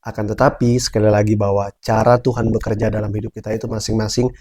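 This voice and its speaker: Seorang pria pembawa acara menutup video dengan refleksi tenang kepada penonton. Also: male voice, lowish voice, little pitch movement, fast talker, mellow. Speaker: channel host. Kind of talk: closing remarks to viewers.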